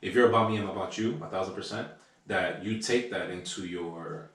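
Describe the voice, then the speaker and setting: A very deep-voiced man talks in an easygoing way as a podcast co-host, cursing casually. He is recorded from back off the mic in a strongly echoing room. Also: a little fast. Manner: relaxed, laid-back, swears casually. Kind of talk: casual chat. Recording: roomy echo, distant from mic.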